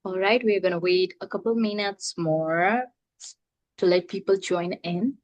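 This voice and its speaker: A woman's voice: lowish voice, a little slow, no room sound, dull audio. A woman hosting an online speaker series over a video call, friendly and encouraging the audience to join in. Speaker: event host.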